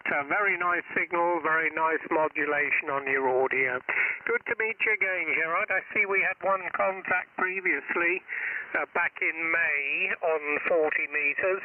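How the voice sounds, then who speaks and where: A man on a static-laden shortwave radio link, giving a fluent, friendly signal report in a ham radio net. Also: on the high side. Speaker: radio amateur. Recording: distant tinny radio transmission.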